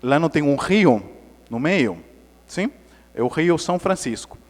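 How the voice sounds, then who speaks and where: Animated man lecturing in a reverberant hall. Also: on the high side, unhurried. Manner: animated, acts out the story with sound effects. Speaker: Spiritist lecturer. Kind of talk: lively storytelling lecture.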